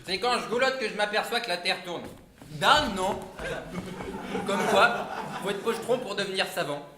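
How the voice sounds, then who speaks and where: An actor playing a tipsy, cheeky boozer in a stage farce, talking in slangy, theatrical style. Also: male voice, high voice, normal speed, lightly acted. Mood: tipsy, musing. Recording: echoey stage, clear background noise.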